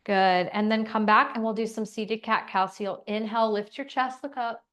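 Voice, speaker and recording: A woman instructor leading an online class through gentle movement and breathing, with soft, calm cues. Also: fairly high pitch, normal speed. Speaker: exercise instructor.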